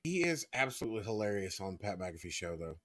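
A man's voice: on the low side, sing-song, fast, fairly bright tone. A man co-hosting a podcast, chatting casually and teasing his co-host.

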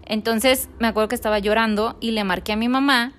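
A woman's voice: on the high side, steady tone, a little fast, fairly bright tone. A woman with a Mexican accent tells a personal story casually in an interview and acts out the dialogue she recalls.

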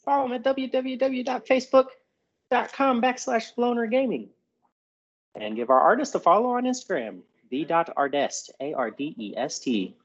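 Male co-host with a husky voice, metallic and robotic through a dull headphone mic. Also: very high voice, lively intonation, moderate pace. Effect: robotic, metallic sound from a headphone mic. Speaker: podcast co-host. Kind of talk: casual chat.

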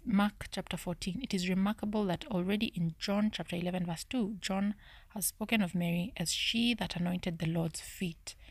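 A woman hosting a podcast, thinking aloud through a Bible study in a low, half-whispered way, often stopping to correct herself. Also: no echo. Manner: searching, self-correcting musing. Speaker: podcast host.

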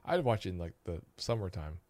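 A man co-hosting a podcast, rambling and joking in easy chat, often repeating words as he goes. His voice is on the low side and sounds dry and close, with no room around it. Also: big pitch swings, fairly quick, darkish tone, dry recording. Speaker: podcast co-host. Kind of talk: casual chat.

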